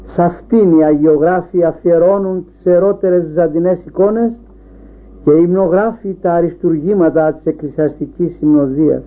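A man's voice: on the high side, fairly even intonation. A man preaching an Orthodox sermon, building up rhetorical questions one after another. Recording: tinny phone-like sound.

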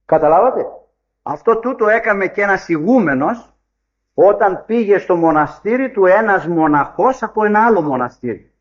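Animated male preacher telling a story. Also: high-pitched. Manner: animated storytelling, acts out dialogue. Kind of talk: sermon with told story. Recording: dull lo-fi recording.

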